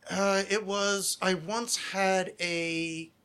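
High, steady and bright, the man's voice is forceful, clear and resonant, and he draws out his words. He hosts a podcast in the United States, an American trading loose, rambling jokes, self-deprecating and swearing without restraint.

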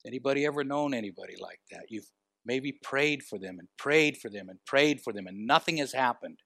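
A man preaching a sermon, asking the congregation rhetorical questions and moving between quiet and emphatic delivery. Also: mid-range voice, animated, a little fast, creaky, dry recording, studio quality.

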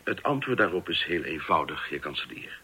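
An actor playing an earnest official making a formal, persuasive case in a radio drama. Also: male voice, a bass voice, sing-song, a little fast, pushed and bright, breathy edge, exaggerated voice. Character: earnest Israeli official negotiating weapons. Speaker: negotiator.

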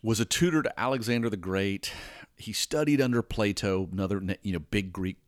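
This man hosts his own podcast from home, his lowish voice moving a little fast as he rambles casually, restarts sentences and checks in with the audience. It's a dry recording, close-miked with no room around it.

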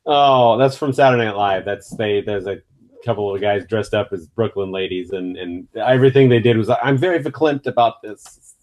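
A man's voice: fairly low pitch, fairly quick, a little mellow. A man in his early forties chatting casually. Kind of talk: casual chat.

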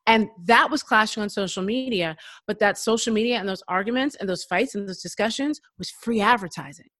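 A woman talking casually about comics and pop culture, acting out quoted reactions in a quick, chatty way. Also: mid-range voice, fairly bright tone, dry recording. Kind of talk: casual conversation.

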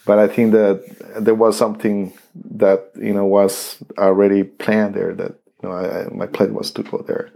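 A man from Costa Rica with a Costa Rican Spanish accent, a native Spanish speaker telling his story in an interview, halting with many restarts and fillers. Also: on the low side, flat delivery, vocal fry, dark tone. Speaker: interview guest, saxophonist.

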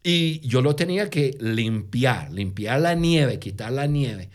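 A man co-hosting a podcast who tells stories in casual Spanish, which is not his first language, with a lingering foreign accent and frequent halting restarts. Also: mid-range voice, animated. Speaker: podcast co-host. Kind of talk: casual conversational storytelling.

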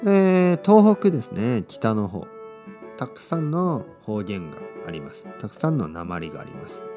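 A man from Oita, Japan, teaching Japanese to learners in slow, simple, clearly spoken sentences. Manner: slow and clear, with lively swings in pitch.

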